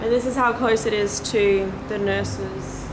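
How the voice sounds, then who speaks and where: A woman's voice: mid-range voice, fairly even intonation, unhurried. A woman vlogger talking to her viewers in a chatty, storytelling way, recorded outdoors in a city. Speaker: paranormal travel vlogger and host. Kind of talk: vlog narration to camera. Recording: noisy city outdoors with traffic.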